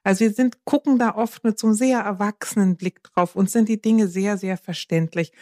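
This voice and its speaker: Calm woman explaining child rearing. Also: medium pitch, brisk, dry recording, studio quality. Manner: calm, explains with examples, acts out quotes to a child. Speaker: podcast co-host giving parenting advice. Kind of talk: casual advice chat.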